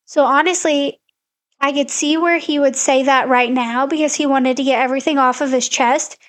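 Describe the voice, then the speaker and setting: A woman's voice: high voice, steady tone, normal speed. A woman co-hosting a podcast, giving earnest, encouraging advice in casual chat. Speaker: podcast co-host.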